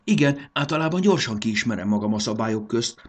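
A man's voice: medium pitch, expressive, pitched above the performer's own voice, natural voice. A man reading a storybook aloud and voicing a cheerful, playful young schoolboy who laughs and boasts. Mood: apologetic.

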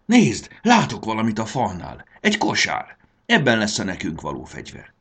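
A man's voice: fairly low pitch, huge pitch swings, vocal fry, fairly bright tone, husky, full character voice. A man voicing an earnest, anxious young boy in a storybook reading, urgent in his calls. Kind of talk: audiobook character voice.

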